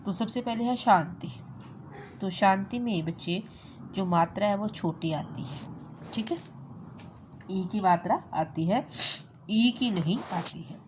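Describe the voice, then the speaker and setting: A woman teacher talks children through a spelling lesson. She has a mid-pitched voice and a patient, repetitive delivery, saying words slowly twice over. A faint hiss of background noise sits under her voice. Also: darkish tone. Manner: patient, repeats words slowly, says "theek hai" often.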